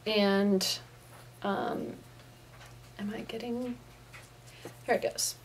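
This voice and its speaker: A woman's voice: mid-range voice, steady tone, very slow, vocal fry, far from the mic, a little hiss or hum. Chatty woman, a bit off-mic. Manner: chatty, loose, with frequent ums. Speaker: paper crafter showing her swap cards. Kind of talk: casual craft show-and-tell. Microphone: camera pointed at her hands, away from her face.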